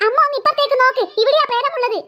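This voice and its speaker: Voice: very high voice, very fast, muffled recording, a little hiss or hum. A performer voicing a frightened young girl who pleads and stammers in panic. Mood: pleading. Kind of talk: cartoon voice acting.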